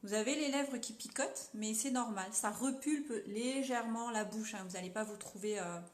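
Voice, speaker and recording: A woman's voice: a little high, normal speed, echoey room. A young French woman chatting casually as she sells makeup on a live stream, upbeat and full of fillers.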